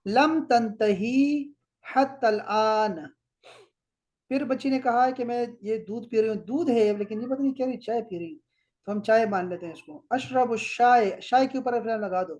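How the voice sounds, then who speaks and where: Pakistani Arabic teacher, patient and repetitive. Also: male voice, extremely high pitch, a little mellow. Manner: explains word by word, repeats words slowly. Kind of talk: correcting homework in class.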